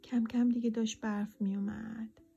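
A woman reading a children's storybook aloud in a gentle, often half-whispered voice. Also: on the high side, flat delivery, creaky, muffled recording, a little hiss or hum. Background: soft instrumental music.

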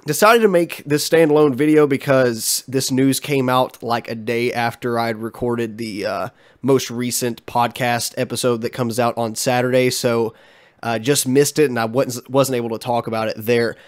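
A man's voice: mid-range voice, steady tone, moderate pace. A young man with a stuffy, congested voice, talking through a casual commentary vlog as its host, chatty and frank with many ums and uhs. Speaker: channel host.

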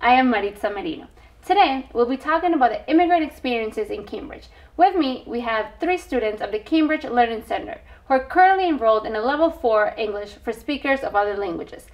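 A woman's voice: a little high, lively intonation, fairly quick. A young woman hosting a studio interview in a TV studio, friendly and encouraging, with short acknowledgements. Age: young adult. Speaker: host.

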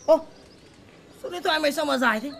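A man's voice: very high-pitched, fast, creaky, fairly bright tone, a little hiss or hum, full character voice. An actor playing a boastful young village man who leads a hired mourning troupe, speaking brashly.

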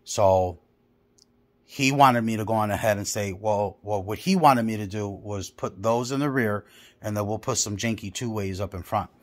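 A blunt car audio installer talks through speaker wiring in casual workshop chat. His voice sits a little low, and he swears freely as he tells the story. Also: moderate pace.

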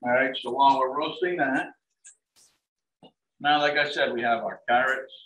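With turkey sizzling in a pan behind him, a middle-aged chef, who is a dining services director, talks through a live cooking demo step by step in a large home kitchen, relaxed and full of "um" and "like I said." His mid-range voice at a moderate pace reaches a fixed camera across the counter from afar, echoing with faint hiss.

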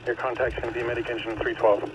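A man giving brisk radio commands as fire incident commander. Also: mid-range voice, little pitch movement. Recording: loud siren, engine and radio noise.

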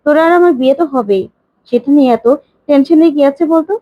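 A woman's voice: high-pitched, expressive, fast, no room sound, highs cut off. A woman voicing a young adult son, a hopeful music student, who talks reassuringly.

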